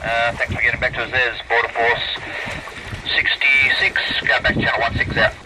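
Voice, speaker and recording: A man's voice: mid-range voice, level tone, brisk. A man working as a border patrol radio operator, speaking through a crackly two-way radio with formal, polite radio procedure. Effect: voice over a crackly two-way radio. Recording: noisy two-way radio transmission.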